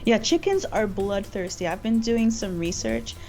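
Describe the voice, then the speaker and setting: A woman in relaxed chat on an art stream, quick to joke and laugh. Faint music plays behind her voice. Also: mid-range voice. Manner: joking, chatty, laughs often. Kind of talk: casual chat.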